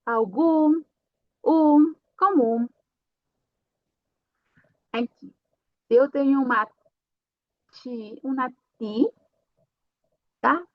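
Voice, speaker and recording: A woman's voice: high-pitched, dry recording, dull audio. A woman teaching a pronunciation lesson. She explains step by step and checks in with her learners after each point. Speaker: language teacher.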